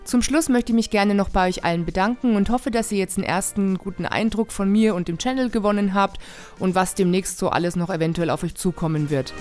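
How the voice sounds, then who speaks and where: A woman's voice: medium pitch, fairly quick, darkish tone. Woman's explanatory vlog voice-over, faint music behind. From Nuremberg area, Germany. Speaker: motorcycle vlogger, novice rider. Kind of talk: scripted voice-over introduction to viewers.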